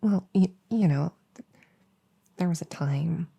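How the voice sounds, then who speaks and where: Casting: a woman to play an awkward, soothing elf girl, soft-spoken ear cleaning ASMR role-play, mellow and lowish, unhurried rambling delivery. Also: heavily acted. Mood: hesitant, encouraging. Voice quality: breathy, soft. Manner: hesitant, rambling, gently soothing. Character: nerdy, friendly, awkward young female elf cleaning ears.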